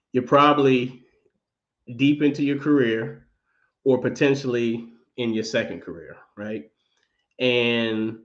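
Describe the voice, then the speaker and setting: A man's voice: medium pitch, highs cut off. A man who works as a mortgage lender, talking on a live stream. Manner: conversational, explanatory, with frequent fillers.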